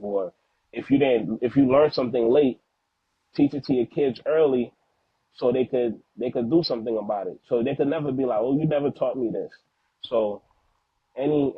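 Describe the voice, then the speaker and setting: A slightly rough, mid-range male voice comes through dry, narrow-band audio that sounds like a phone. The speaker, a young father of Haitian background living in the US with Haitian Creole as his native tongue, guests on a podcast, talking earnestly and in slang in a casual, heartfelt interview, repeating words for emphasis.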